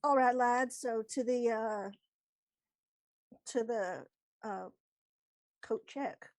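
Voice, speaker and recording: A woman playing a tabletop game, speaking in a halting, playful way with many fillers. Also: a little high, no room sound. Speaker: player. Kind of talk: tabletop role-play chat.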